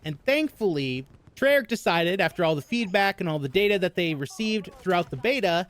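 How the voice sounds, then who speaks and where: Guy doing gaming news narration, kinda high voice, mouth sounds numb from the dentist. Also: lively intonation, normal speed, fairly bright tone. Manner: slightly slurred speech, mouth numb from the dentist. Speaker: gaming YouTube host.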